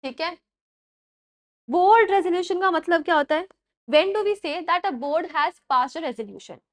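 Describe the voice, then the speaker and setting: A young woman teaching a class and mixing English terms into Hindi, dictating slowly, repeating points and checking that her students follow. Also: very high voice. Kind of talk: classroom lecture.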